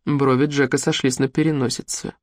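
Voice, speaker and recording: Brief: audiobook narrator, measured first-person storytelling, mid pitch, dead-dry booth sound. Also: flat delivery, no room sound.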